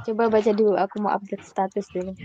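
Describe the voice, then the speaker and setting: A young woman giving a relaxed, chatty private language lesson, patient and quick to laugh. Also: medium pitch, dull audio, slight background noise. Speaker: Mandarin tutor.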